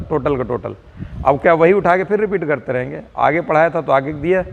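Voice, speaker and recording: A man's voice: on the high side, gravelly, long reverb tail. A man, a physics teacher lecturing students on camera, urging and scolding them to prepare for tests. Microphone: camera mic.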